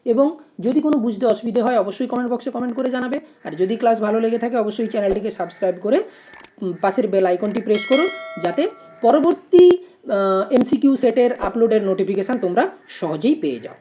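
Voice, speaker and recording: A woman's voice: on the high side, brisk, mellow. A woman teaching an exam-prep lesson. She reads out multiple-choice questions and options, then explains each answer step by step and poses rhetorical questions.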